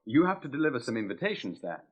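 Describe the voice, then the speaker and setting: A man's voice: medium pitch, sing-song, fast talker, slightly rough. A young man playing a manservant in a storybook recording, dry and mock-pompous. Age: young adult. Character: young manservant who mimics his master.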